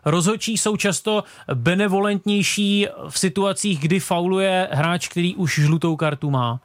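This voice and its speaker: A man hosts a casual radio sports chat, pressing his guest with pointed questions. His voice is high for a man. The recording is dry and close, with no room echo. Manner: probing, challenging questions. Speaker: radio talk show host.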